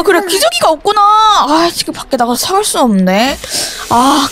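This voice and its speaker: Very high-pitched, lively woman gamer. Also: slight background noise. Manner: exclaiming, fussing over a baby character. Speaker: game YouTuber host. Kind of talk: playful game role-play commentary.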